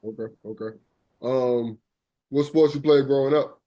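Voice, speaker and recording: A man's voice: mid-range voice, measured pace, dark tone, highs cut off. A man hosting a podcast interview in a laid-back, slangy way, often answering with "okay, okay". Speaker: podcast host. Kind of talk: casual interview.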